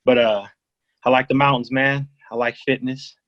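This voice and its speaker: A man's voice: medium pitch, level tone, moderate pace, lo-fi sound. A man from Kansas, a rapper guest, talking easily in casual slang on a video call.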